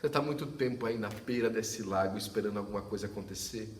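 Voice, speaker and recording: A man's voice: lowish voice, quick pace, slight background noise. A man preaching a sermon as pastor, telling a story and acting out the dialogue, laughing often. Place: church service. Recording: echoey church from a distance.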